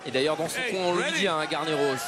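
A man's voice: on the high side, fast talker, over a noisy crowd. A man giving live television boxing commentary. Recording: clearly noisy live arena broadcast.

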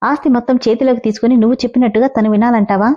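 A woman's voice: a little high, steady tone, very fast, dark tone, dull audio, lightly acted. Woman reading as a stern young woman lawyer. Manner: firm, questioning.

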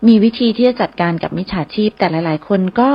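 Female radio teacher, even mid pitch, repeats and spells each word slowly, muffled radio-studio sound. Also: creaky. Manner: spells English words slowly letter by letter, repeats phrases. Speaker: radio host and English teacher. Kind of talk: radio English lesson. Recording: slightly dull radio broadcast sound.

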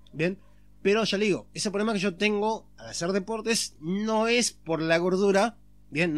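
A man talking casually to camera as a vlogger, explaining step by step, checking in often with a questioning tag, and restarting phrases as he thinks aloud. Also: sits high.

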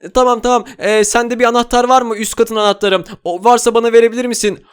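A man hosting a gaming video, giving excitable commentary and constantly addressing his viewers. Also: very high-pitched, quick pace, clean tone. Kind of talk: game commentary role-play.

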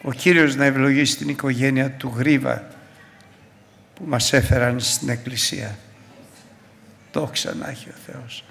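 A man preaching a sermon as pastor in a church, fervent and loud at his peaks. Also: mid-range voice, steady tone, vocal fry, long pauses, in a large hall, a little hiss or hum. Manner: preaching with rising fervor, shouting at the peaks.

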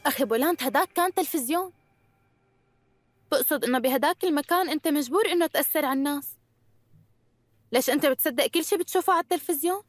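A woman's voice: sits high, racing, pauses often, dry recording, natural voice. A woman dubbing a young woman accused of murder, who is defiant and insists tearfully that she is innocent. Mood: cold. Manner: insists on her innocence, breaks into tears. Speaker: dubbing actress. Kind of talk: Arabic dub of a TV drama.

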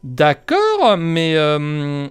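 A man's voice: fairly high pitch, huge pitch swings, very slow, clean tone. A man hosting a let's play, joking with the characters and reading game text aloud. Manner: joking, chatty, talks to the characters on screen.

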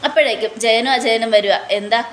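A woman narrating a lively recap of a TV serial episode, greeting her viewers. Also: on the high side, fast talker, echoey room, slight background noise.

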